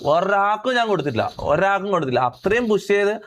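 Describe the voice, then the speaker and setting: A man's voice: high-pitched, sing-song, racing, a bit bright, a little hiss or hum. A man talking on a livestream, emphatic and aggrieved, who keeps checking that listeners understand. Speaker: streamer. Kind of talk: livestream chat.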